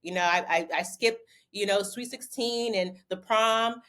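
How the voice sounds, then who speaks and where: A young woman from Connecticut talks with a lot of energy as a guest in a casual interview. She is an animated storyteller who doubles up her words when she gets going, and her voice sits at a middle pitch. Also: unhurried. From Bridgeport, Connecticut. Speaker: interview guest, former basketball player turned model.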